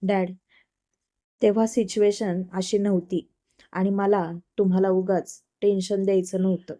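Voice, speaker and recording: Calm reassuring young man, gentle and soft-spoken, mellow dark voice, read by a woman. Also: mid-range voice, a little slow, close to an everyday voice.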